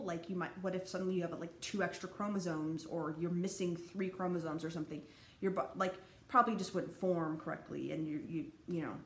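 A young woman giving a casual, rambling college lecture over slides, full of fillers and restarts. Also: fairly low pitch. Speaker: college anthropology instructor. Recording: echoey room, faint background noise.

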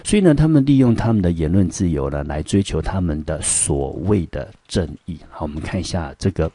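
A man from Taiwan with a Taiwanese Mandarin accent, teaching English vocabulary and grammar in a recorded lesson. He leans on "好" and "呢" as fillers and spells words slowly, syllable by syllable. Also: lively intonation, dark tone, breathy edge, no echo. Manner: frequent fillers "好" and "呢", rising pitch on prompts, slow syllable-by-syllable spelling. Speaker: high school English teacher.

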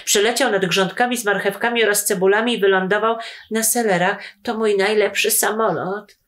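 A woman's voice: mid-range voice, steady tone, a little fast, fairly bright tone, close to an everyday voice. Woman doing a boastful boy, rattling off big promises, storybook reading. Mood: proud. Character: boastful boy brother building paper planes.

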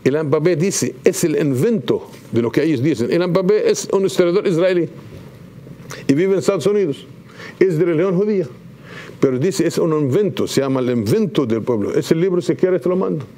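A man, speaking as an ambassador guest in a TV studio, impassioned and halting with restarts. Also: on the high side, animated, mellow. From Palestine. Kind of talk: TV studio interview. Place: TV news studio.

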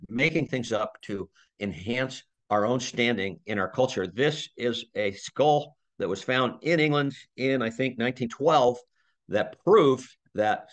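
A man giving a conversational slide lecture, thinking aloud with restarts and small laughs. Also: medium pitch. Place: community talk room.

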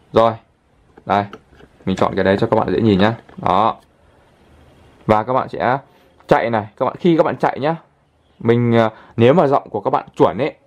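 A man hosting a casual app tutorial, chatting his way through each step and filling pauses with little pointer words. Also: medium pitch. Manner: chatty, fills pauses with constant "đấy" and "đây". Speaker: channel host, tutorial presenter.

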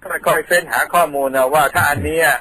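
A man's voice: a little high, steady tone, fast, bright, forceful tone, husky, no room sound, rough recording. A man from Thailand, a radio guest patiently explaining things in a studio, telling them like a story.

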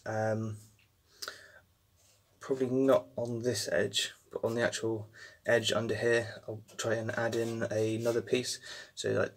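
A man's voice: medium pitch, creaky. A young man in his twenties casually talking through car repair work in a home garage, rambling with lots of fillers, filmed on a handheld phone. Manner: relaxed, rambling, many fillers and restarts. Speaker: car restoration vlogger. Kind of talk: casual workshop narration. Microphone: handheld phone camera.

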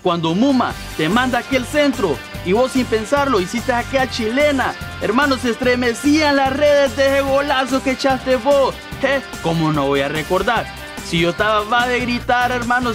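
Guy doing a loud honduran soccer fan, calls everyone hermano, high voice, soft music behind. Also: moderate pace. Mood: excited. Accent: Honduran Spanish. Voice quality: slangy, calls people "loco" and "hermano". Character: eager Honduran football fan, loud and slangy.

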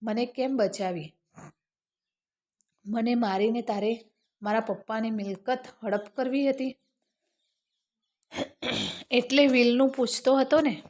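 Woman reading as an anxious young wife, suspicious, fairly high voice, slow, storybook. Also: fairly even intonation, darkish tone. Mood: accusing.

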